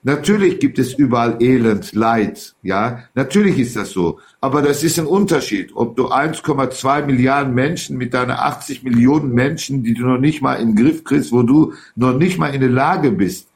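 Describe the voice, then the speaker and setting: Gravelly emphatic man. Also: medium pitch, animated, moderate pace, hardly any pauses. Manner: emphatic, rambling. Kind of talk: heated political talk.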